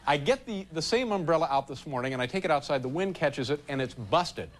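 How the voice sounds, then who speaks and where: A man hosting a late-night talk show, telling jokes in a wry, halting way with deadpan punchlines. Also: a little high. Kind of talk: comic monologue and stunt banter. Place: TV studio and building hallways. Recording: broadcast with loud studio audience and background noise.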